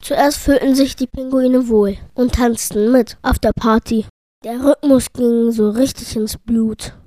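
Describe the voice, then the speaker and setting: A woman's voice: a little high, steady tone, unhurried, mellow, low-quality recording. A woman reading a scripted children's story as narrator.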